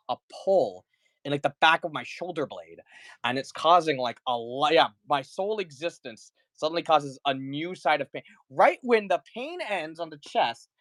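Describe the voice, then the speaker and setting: A man's voice: a little high, fairly bright tone, no echo. A man hosting a casual live toy sale, chatty and sick with the flu, greeting viewers and counting down offers. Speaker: livestream toy seller. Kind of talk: casual live-selling chat.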